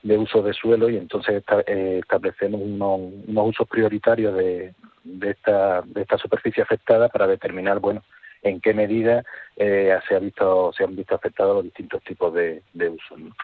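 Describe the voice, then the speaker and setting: Deep-voiced man on a phone line. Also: fairly even intonation, brisk, no echo. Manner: hesitant, restarts often, technical explanations. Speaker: fire service deputy director, interview guest. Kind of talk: phone interview on radio. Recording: dry tinny phone line.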